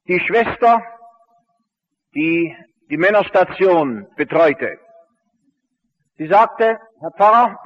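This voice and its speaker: Man, pastor, storytelling sermon, high voice, muffled old recording. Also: big-room sound. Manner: earnest storyteller acting out quoted dialogue.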